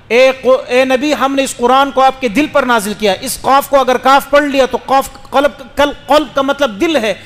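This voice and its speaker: A man's voice: very high voice, in a large hall. A man giving a religious lecture as a mufti, questioning his listeners and explaining rules patiently. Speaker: mufti preacher.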